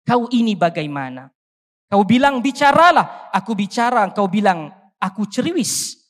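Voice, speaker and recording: A panel speaker recites a poem in a declamatory way, then gives closing remarks. Each rhetorical line rises and falls at a middle pitch. The voice rings with the long reverb of a large convention hall. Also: very animated, moderate pace, a bit bright. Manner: declamatory, rhetorical rise and fall.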